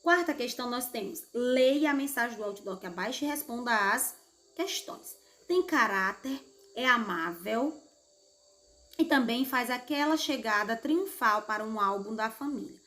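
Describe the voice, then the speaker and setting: A woman's voice: fairly high pitch, expressive, normal speed, fairly bright tone. A Brazilian woman teacher going through textbook exercises with her pupils in a patient, explanatory way, often checking in with "né?" and "certo?". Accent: Brazilian Portuguese. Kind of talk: recorded class lesson correcting exercises.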